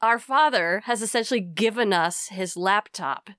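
American woman podcast host recording in a closet, effusive n chatty, really clean smooth voice, super dry sound. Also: mid-range voice, normal speed, a bit bright, no echo. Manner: effusive, appreciative. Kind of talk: casual conversational podcast chat.

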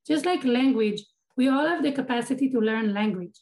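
An Israeli academic and activist whose first language is Hebrew gives thoughtful interview answers, often restarting her sentences. Her voice is high-pitched, gravelly, and a little mellow, with a slightly fast pace.

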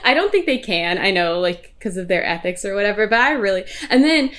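Young woman just chatting, mid pitch, lots of likes and laughs, tells it animated. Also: fairly quick. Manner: animated storytelling, laughs often, many fillers. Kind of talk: casual chat.

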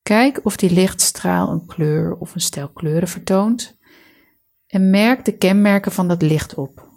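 A woman leading a guided relaxation meditation, giving calm, soothing, measured instructions. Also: fairly low pitch, creaky.

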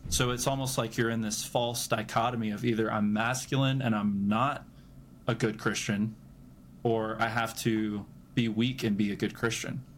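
A man's voice: on the low side, flat delivery, normal speed, slight background noise. A man hosting a podcast, affirming his guest and asking long, reflective questions. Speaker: podcast host. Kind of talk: casual podcast interview.

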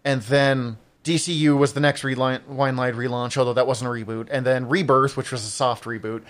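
A man's voice: medium pitch, steady tone, brisk, a bit bright. A man co-hosting a podcast, rambling through his thoughts, swearing often and laughing a lot. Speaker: podcast co-host. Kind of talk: casual chat.

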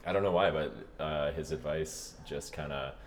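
A man in his thirties, an opera singer, telling his career story in a relaxed, rambling way with lots of "like" and easy laughs. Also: a bass voice, moderate pace, a little hiss or hum. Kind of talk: casual interview chat.

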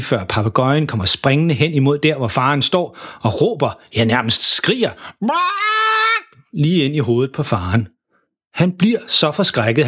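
A man reading a children's story aloud in a steady, even storytelling manner. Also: medium pitch, slightly rough. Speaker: narrator. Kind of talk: scripted children's story narration.

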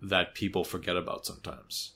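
A man in his thirties hosting a podcast, talking in a casual, animated way, swearing freely and restarting often. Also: sits low, a little fast, breathy edge. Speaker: podcast host. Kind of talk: casual chat.

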